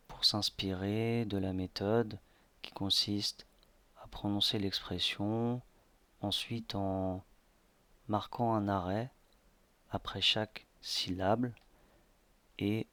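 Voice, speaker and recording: A man narrating a slideshow language lesson slowly, with many hesitations. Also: fairly low pitch, a bit bright, dry recording. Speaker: language teacher.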